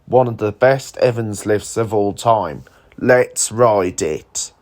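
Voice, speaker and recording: A man's voice: lowish voice, takes it slowly. A man hosting a video with casual, slightly hesitant, plain-spoken voice-over narration. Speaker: video host.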